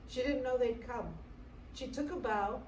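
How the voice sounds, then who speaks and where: A woman's voice: a little high, a little mellow, lightly acted. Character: a woman playing a devoted adoptive single mom. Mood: tender. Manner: tender, measured monologue. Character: devoted adult American single mother, adoptive. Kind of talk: staged theatre reading. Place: theatre stage. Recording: roomy stage sound from far off, faint noise.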